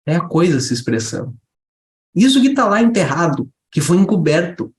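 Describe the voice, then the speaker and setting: A man giving a lively spiritual talk to a group, asking rhetorical questions and briefly acting out a child and a mother. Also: high voice, moderate pace, echoey room. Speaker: spiritual teacher.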